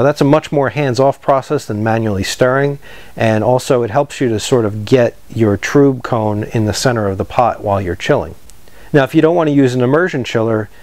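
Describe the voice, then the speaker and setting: A man in his thirties explains equipment choices in a steady, practical way, like a shop owner teaching customers. His voice sits at an ordinary middle pitch. The sound is dry, with no room echo. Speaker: homebrew equipment seller. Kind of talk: instructional product talk to camera. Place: indoor parts store room with shelves.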